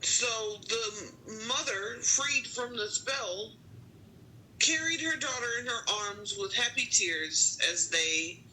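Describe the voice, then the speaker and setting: Woman, card-game storyteller, very bright and sharp tone, slow delivery, quick to get excited. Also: a little high, a little hiss or hum, rough recording. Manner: easily excited, exclaims with delight. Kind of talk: casual storytelling game play.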